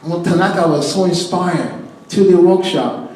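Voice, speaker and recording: A middle-aged man, a pastor, giving a sermon as an animated storyteller who laughs often and repeats and restarts his words. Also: high-pitched, unhurried. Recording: echoey hall, mic at a distance.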